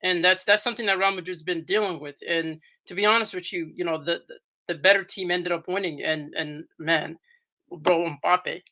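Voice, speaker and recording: A man's voice: high voice, fairly even intonation, normal speed, bright, forceful tone, low-quality recording. A man giving casual post-match football analysis as a pundit, slangy and repeating himself for emphasis.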